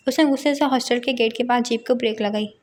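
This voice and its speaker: A woman narrating a romance novel aloud in a steady storytelling manner. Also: fairly high pitch, fast talker. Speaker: audiobook narrator.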